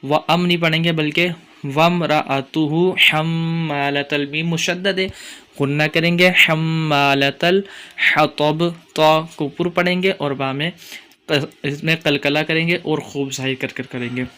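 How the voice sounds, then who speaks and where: A man with a Pakistani Urdu accent teaching Quran recitation rules, explaining each point and chanting verses slowly. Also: fairly high pitch, steady tone, fairly bright tone. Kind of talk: tajweed lesson with chanted recitation.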